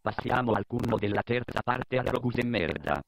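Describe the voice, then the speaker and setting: A man's voice: medium pitch, lively intonation, moderate pace, creaky, dry recording. A man with a Sardinian accent narrating a scripted comedy course as a mock instructor, peppered with profane cursing. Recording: dull, lo-fi dry recording.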